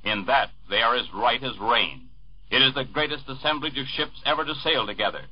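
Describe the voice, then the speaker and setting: A man reading war news as a radio newscaster in a formal, measured way, heard through an old 1940s radio broadcast recording. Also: mid-range voice. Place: network radio studio. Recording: dull lo-fi 1940s radio archive.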